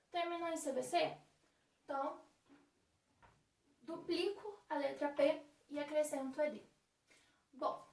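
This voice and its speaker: A woman teaching English grammar as a recorded lesson, patiently explaining rules step by step and checking in with her students. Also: high voice. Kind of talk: recorded remote lesson for high-school students. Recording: echoey room, far from the mic.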